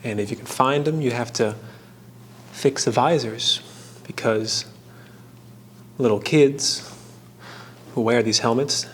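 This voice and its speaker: In this casual craft tutorial, the host talks in short, halting bursts, tossing in jokey asides and bits of trivia. His mid-pitched voice has a fairly bright tone, and ambient noise is clearly audible behind him.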